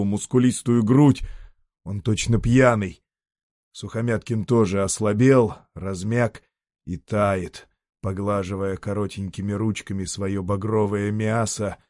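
Brief: low-pitched male audiobook narrator, steady and measured, dry close mic. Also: dry recording. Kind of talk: audiobook literary reading.

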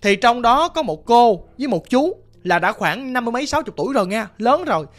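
Storyteller: a Southern Vietnamese man, conversational and lively, spinning a ghost tale. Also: extremely high pitch, a little fast. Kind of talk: casual spoken storytelling.

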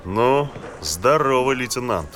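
A man's voice: mid-range voice, lively intonation, slow, over music. A man playing a cocky, sardonic, teasing police captain in an audio drama.

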